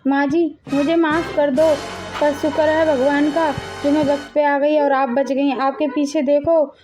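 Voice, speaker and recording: A meek, dutiful young daughter-in-law, played by a woman in an animated family drama. She speaks in a high, polite, hesitant voice, always pleading gently. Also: measured pace, music in the background. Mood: apologetic.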